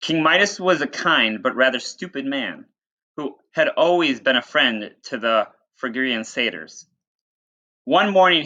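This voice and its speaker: A man reads a story aloud the way a teacher might, breaking off for informal, plainly explanatory asides to his listeners. His voice has a medium pitch and a sharp tone. The recording sounds dull and lo-fi.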